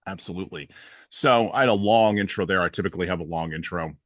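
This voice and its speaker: A man's voice: low-pitched, quick pace, a bit bright, no room sound, clean studio sound. A man hosting a podcast interview, talking casually with many ums and restarts. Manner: rambling, with many fillers and restarts. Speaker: podcast host.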